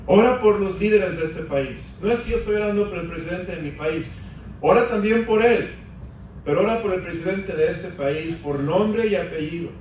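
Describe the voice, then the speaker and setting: A man preaching a sermon in a high, bright voice, pressing his points with emphatic rises. He sounds distant from the mic in a big, echoing church hall, with a faint hiss of room noise behind him. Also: moderate pace. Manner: preaching with emphatic rises, addressing the congregation as brothers. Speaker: pastor. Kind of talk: Spanish-language sermon.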